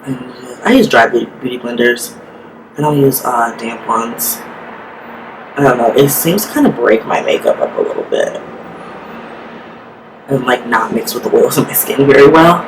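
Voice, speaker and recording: A woman's voice: very deep voice, normal speed. A woman beauty vlogger talking through a makeup tutorial in a chatty, casual way, with lots of "like" fillers. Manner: chatty, filler-heavy, says "like" often. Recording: steady background hiss.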